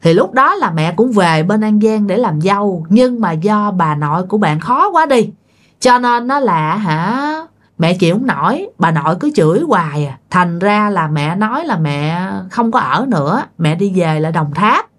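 A woman with a Southern Vietnamese accent telling a ghost story at a middling pitch. She is chatty and talks straight to her listeners. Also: big pitch swings, moderate pace. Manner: chatty, addresses listeners directly.

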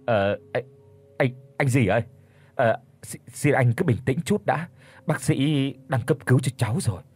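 A man voicing a calm, apologetic older gentleman who speaks in a soothing, polite way, with a husky voice. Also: mid-range voice, moderate pace.

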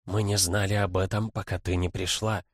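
A man voicing a thoughtful, explaining lioness in a storybook reading, slightly raised and measured. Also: low voice, level tone, no room sound, studio quality.

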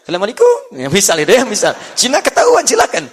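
A man preaching a sermon to a congregation, animated and playful, often laughing and mimicking how others speak. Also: sits high, fast talker, husky. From Indonesia.

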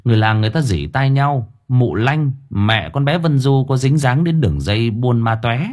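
A man's voice: mid-range voice, lively intonation, normal speed, a little mellow. A man narrating an audiobook story expressively.

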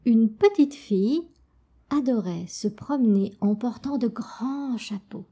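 Une conteuse lit une histoire pour enfants avec douceur et expressivité, en glissant parfois vers le murmure. Sa voix est assez aiguë et chaude, et son débit très lent. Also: female voice, on the high side, slightly rough. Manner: slow, soft, expressive. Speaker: storyteller. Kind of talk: reading a children's tale.

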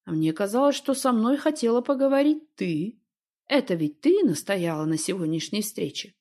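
A woman reading an audiobook, voicing a calm, evasive man who talks in an unhurried, teasing way. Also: medium pitch. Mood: calm, coaxing. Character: calm, evasive middle-aged man, smooth talker.

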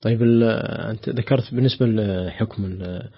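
A man's voice: on the low side, fairly quick, husky, lo-fi sound. A man hosting a call-in recitation lesson, speaking briefly and courteously as he introduces callers. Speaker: call-in program host.

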